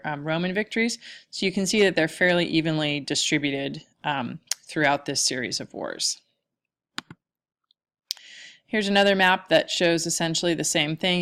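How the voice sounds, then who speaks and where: Low-voiced woman lecturing casually. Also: a bit bright. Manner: casual, with many fillers. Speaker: history teacher. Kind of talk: lecture over slides. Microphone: lecture recording mic.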